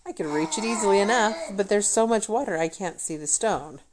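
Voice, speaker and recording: A woman's voice: mid-range voice, a little fast, noisy background, close to an everyday voice. Woman reading a casual, practical giant servant, storybook. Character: easygoing giant-tall servant man.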